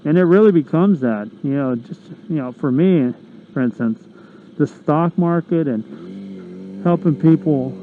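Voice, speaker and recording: A man's voice: a little high, animated, unhurried. A middle-aged American man rambling casually to himself in a motovlog, talking from inside a motorcycle helmet. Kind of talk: casual rambling vlog monologue. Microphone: helmet microphone. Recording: muffled helmet mic, loud road and engine noise. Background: vehicle and wind noise.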